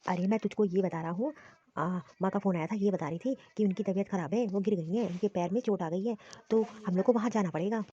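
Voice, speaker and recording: Woman voicing a young cartoon husband, coaxing, rambling, husky, dull lo-fi sound. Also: medium pitch, fast talker, dark tone, close to an everyday voice. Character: young married husband, pleading and easygoing. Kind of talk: Hindi cartoon voice acting. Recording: dull lo-fi recording.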